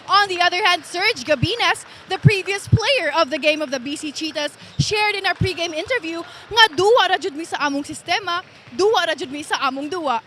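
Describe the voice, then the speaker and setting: Very high-voiced female courtside reporter, some noise. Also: a bit bright. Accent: Filipino. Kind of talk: scripted sports report. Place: courtside in an indoor arena. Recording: noisy courtside ambience.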